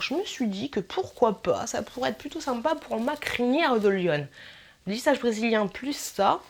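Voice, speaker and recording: A woman YouTuber talking through her wishlist in a casual vlog, chatty and playful, rambling with filler asides. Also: a little high.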